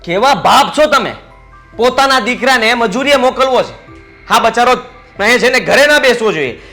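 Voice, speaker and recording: A smug, idle young son argues back at his father with mocking retorts. His voice is high and bright, and faint music plays under him. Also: expressive, moderate pace, full character voice. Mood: defiant. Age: young adult.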